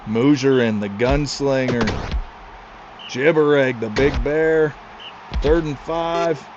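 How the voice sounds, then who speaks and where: A man doing casual, excitable play-by-play commentary for a league, throwing in chatty asides to his co-hosts. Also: medium pitch, slow, background noise. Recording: slightly muffled with clear music behind.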